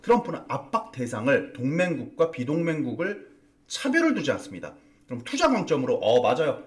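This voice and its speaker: A man's voice: a little high, big pitch swings, brisk, far from the mic. A man hosting a morning stock market commentary broadcast, emphatic and fond of repeating key words for stress. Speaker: stock market strategist and host. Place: broadcast studio.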